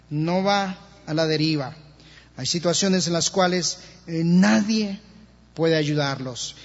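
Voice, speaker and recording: A man with a Colombian accent, a pastor giving an animated sermon in church and acting out the voices of others. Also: high voice, breathy edge. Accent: Colombian Spanish. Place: church hall. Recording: lo-fi church recording with long reverb.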